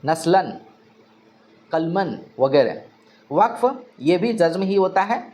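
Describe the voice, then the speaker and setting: A man's voice: high voice, sing-song, takes it slowly, a little mellow. A male teacher giving an exam-prep grammar lesson, asking questions and answering them himself, repeating key terms.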